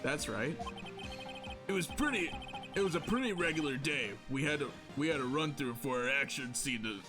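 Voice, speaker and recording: A man's voice: on the high side, expressive, moderate pace, over music, natural voice. A man voicing a flamboyant, pompous male producer in a game, in a drawling put-on muscle-man voice. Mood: grand. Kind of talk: reading game dialogue aloud.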